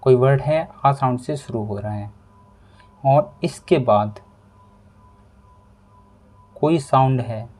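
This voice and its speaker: A man teaching a pronunciation lesson, explaining rules slowly and repeating each step. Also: mid-range voice, dark tone. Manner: slow, repetitive explaining. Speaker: English teacher.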